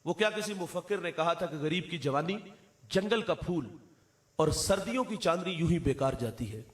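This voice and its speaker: A male Islamic preacher giving a storytelling sermon, with dramatic pauses and verses recited in a slow lilt. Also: fairly high pitch, animated.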